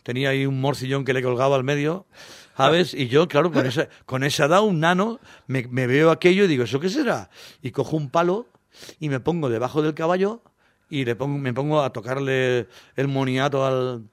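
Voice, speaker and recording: A man's voice: medium pitch, brisk, dry recording, studio quality. Chatty man in his 60s, singer spinning long funny stories, keeps laughing. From Valencia, Spain. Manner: rambling storyteller, laughs often, acts out voices in anecdotes. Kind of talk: interview.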